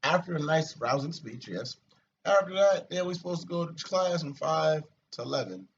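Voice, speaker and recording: Venting about his army routine, a soldier vlogger with a somewhat high voice chats casually and at length at a moderate pace. His talk is rambling, animated, and full of profanity. The audio comes from a distance, muffled and lightly hissy.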